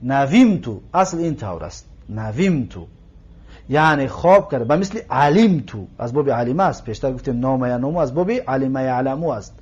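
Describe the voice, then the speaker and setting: A man teaching an Arabic grammar lesson in Persian, explaining slowly, repeating words and checking that listeners follow. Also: medium pitch, animated, darkish tone, breathy edge. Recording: dull lo-fi recording.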